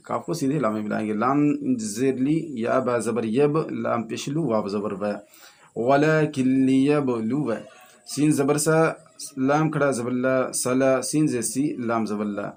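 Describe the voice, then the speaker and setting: A man teaching a Quran reading lesson in an Indian Urdu-Hindustani accent, spelling out letters and vowels and then slowly blending them into words. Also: mid-range voice.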